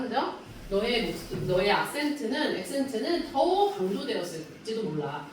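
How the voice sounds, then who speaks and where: A woman English teacher lectures a class, firing question after question at her students while explaining a reading passage. Her voice is fairly high, and the recording has slight background noise, captured from a distance in an echoey room.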